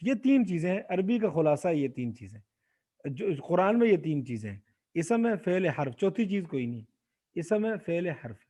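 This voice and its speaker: A man's voice: a little high, sing-song, warm tone. A man teaching Arabic grammar in an online class, putting questions to his students and having them answer aloud. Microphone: video call.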